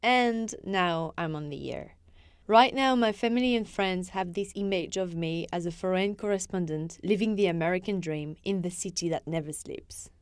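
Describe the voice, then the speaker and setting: A woman's voice: lowish voice, normal speed, smooth, no room sound. Young woman, native French speaker with a thick French accent, wry first-person radio essay, very dry close sound. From France. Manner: wry, self-mocking, animated delivery. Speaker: reporter.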